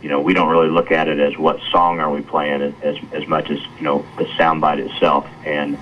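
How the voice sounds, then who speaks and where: Man, American accent, extremely low voice, informal interview talk, dull band-limited recording. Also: level tone, fairly quick, a little hiss or hum. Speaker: marketing staffer being interviewed.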